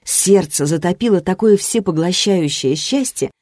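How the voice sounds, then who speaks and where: A woman reading a first-person romantic fantasy novel aloud, expressive, lifting her voice for the heroine's lines. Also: fairly low pitch, moderate pace, dry recording, studio quality. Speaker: audiobook narrator. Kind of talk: first-person fiction narration.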